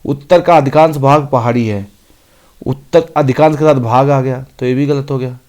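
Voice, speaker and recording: Man, teacher, grammar lesson, slow read-outs, brisk explanations, mid pitch. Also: a little mellow. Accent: Hindi. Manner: reads each sentence out slowly, then explains briskly. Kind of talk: exam-prep grammar lesson.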